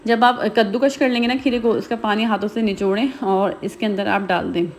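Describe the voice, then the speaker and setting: A woman talks viewers through a home recipe. She speaks quickly and casually, with plenty of filler phrases. Her voice sits at a middle pitch, and faint noise is heard behind her. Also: fairly even intonation. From Pakistan. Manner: rapid, chatty, heavy use of filler phrases. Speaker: cooking vlogger. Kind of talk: recipe voice-over narration.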